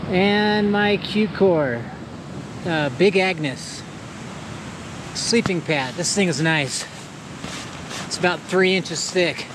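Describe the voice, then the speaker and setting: A man vlogging outdoors in a mountain canyon, talking to the camera in a plain, laid-back way while he sets up camp. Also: sits high. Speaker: hiking vlogger. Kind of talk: casual outdoor vlog narration. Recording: loud rushing water noise. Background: waterfall and stream roar.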